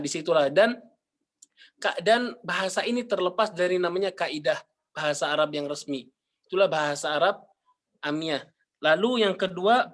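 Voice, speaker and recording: A young man with an Indonesian accent giving a class presentation, pausing often with fillers and restarts. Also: high voice, fairly bright tone. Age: young adult. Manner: hesitant, many fillers and restarts. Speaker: university student presenter.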